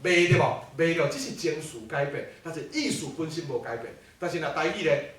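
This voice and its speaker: A man giving an animated classroom lecture, peppered with rhetorical questions. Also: on the high side, fairly quick. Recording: echoey hall from far off.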